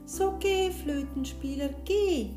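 A woman voicing a chorus of sly, lovely elf girls with a high, sing-song manner, in a roomy space with soft guitar behind. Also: takes it slowly. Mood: teasing.

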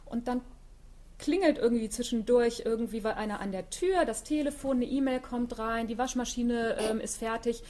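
A woman's voice: fairly high pitch, normal speed, mellow. A middle-aged woman author chatting reflectively in an interview, with frequent fillers. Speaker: author guest. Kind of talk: casual interview talk.

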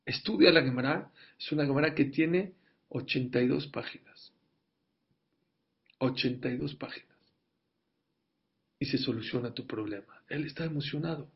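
A man telling a story in a sermon, slowing down and growing louder for emphasis. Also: mid-range voice. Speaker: religious teacher. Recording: dull lo-fi recording.

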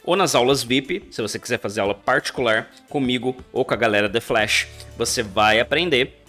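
Lively Brazilian man teaching English pronunciation. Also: mid-range voice. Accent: Brazilian Portuguese. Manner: lively, chatty, slows down to model English phrases. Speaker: English teacher, podcast host. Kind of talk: podcast pronunciation lesson. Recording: faint guitar music behind the voice.

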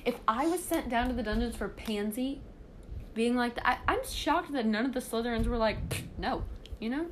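Bossy ranting young woman, high voice. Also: brisk, slight background noise. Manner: bossy, ranting, playful sing-song fillers. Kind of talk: casual chat.

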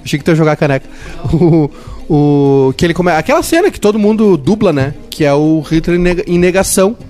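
A man with a voice on the higher side talks in a loose, opinionated way, making jokes as he explains. Faint music sits under the chat. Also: big pitch swings, fairly quick, darkish tone. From southern Brazil. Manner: opinionated, jokey, explains at length. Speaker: podcast co-host. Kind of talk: casual group chat.

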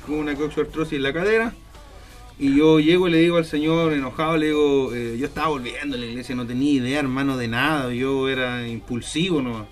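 Rambling man chatting about faith. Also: a little high. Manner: rambling, many fillers and restarts. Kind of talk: casual faith chat.

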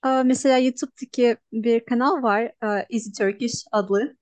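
A woman in her twenties from Russia with a Russian accent, answering interview questions in halting, simple non-native Turkish. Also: a little high, fairly even intonation, dry recording. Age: 20s. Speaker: interview guest, language learner. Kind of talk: casual interview.

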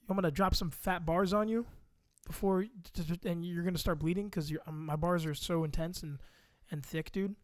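A man's voice: high-pitched, steady tone, fairly quick, few pauses, no echo, studio quality. Young man goofing around on a podcast. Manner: joking, playful trash talk and mock rapping. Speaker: podcast co-host. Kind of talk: casual chat. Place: home room at a computer. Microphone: close microphone.

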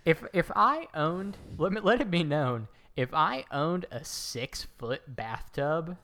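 A man's voice: fairly high pitch, animated, slow, bright, forceful tone. A man co-hosting a podcast from his bathtub, joking through casual banter, his voice ringing with an echo like an indoor swimming pool. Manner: jokey, playfully absurd banter. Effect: echoey bathtub sound, like an indoor swimming pool. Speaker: podcast co-host. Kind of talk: casual chat. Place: inside his bathtub at home. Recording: echoey tiled-bathroom recording.

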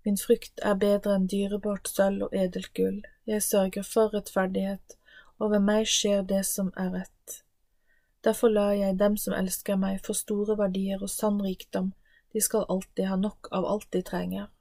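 A woman's voice: mid-range voice, little pitch movement, mellow, no room sound, natural voice. A woman reading as Wisdom, solemn and ancient. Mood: proclaiming. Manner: solemn, declaiming. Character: personified Wisdom, female, ancient, proclaiming. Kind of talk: scripted Bible reading.

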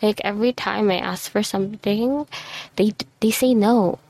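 A woman's voice: mid-range voice, moderate pace, a little mellow, no room sound. A tired woman venting frankly into her microphone at home, swearing now and then and close to tears. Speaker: vlogger. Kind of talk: casual ranting monologue. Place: messy room at home. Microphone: desk microphone.

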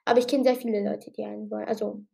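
A woman's voice: mid-range voice, level tone, creaky, mellow. A woman giving casual, rambling tips on her own show, with many fillers and restarts. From outside Germany. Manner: says she talked a bit fast. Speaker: podcast host giving tips. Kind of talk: casual spoken explanation.

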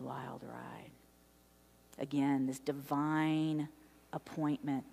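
A woman pastor preaching a sermon, telling her own story with lively acted-out dialogue. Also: lowish voice. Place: church sanctuary. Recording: long hall reverb in a church sanctuary.

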